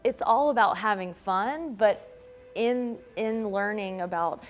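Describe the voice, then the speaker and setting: A woman's voice: mid-range voice, slow pace. A woman who teaches improv, talking in an interview about what children gain from it. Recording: faint music behind.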